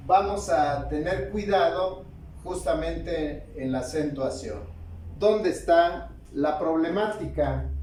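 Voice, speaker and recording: A man teaching a spelling lesson, explaining slowly and deliberately in short phrases. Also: a little high, a little mellow, a little hiss or hum. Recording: very echoey room, mic at a distance.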